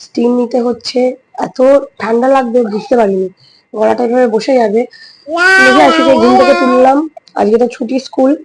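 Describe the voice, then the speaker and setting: Bengali lady vlogger, hoarse throat from a cold, high voice, filming at home on her phone. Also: fairly even intonation, normal speed, background noise. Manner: coaching a child through yoga, counting aloud. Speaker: family vlogger. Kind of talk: casual vlog talk to viewers.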